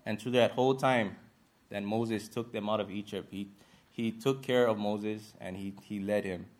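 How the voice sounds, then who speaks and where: Earnest low-voiced man from Hawaii. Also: fairly even intonation, normal speed, a little mellow. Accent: Hawaiian Pidgin-influenced English. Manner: earnest, slightly nervous, with many fillers. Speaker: lay preacher giving a church lesson. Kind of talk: church lesson.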